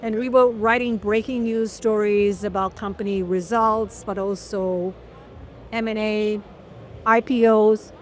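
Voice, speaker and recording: A middle-aged woman from Malaysia, a journalist being interviewed, telling her story in an articulate, measured way. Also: mid-range voice, fairly even intonation. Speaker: guest journalist. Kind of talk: long-form interview.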